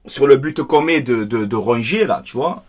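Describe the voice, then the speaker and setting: A man's voice: mid-range voice, moderate pace. A man hosting a football fan video, upset and worked up, ranting and repeating himself as he talks straight to his viewers. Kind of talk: casual angry match debrief.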